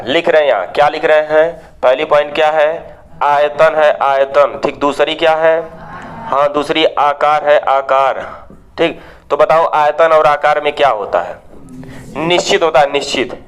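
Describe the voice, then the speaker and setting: Call-and-response chemistry teacher. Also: male voice, measured pace. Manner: call-and-response questioning, drops low to answer himself. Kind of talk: classroom lecture.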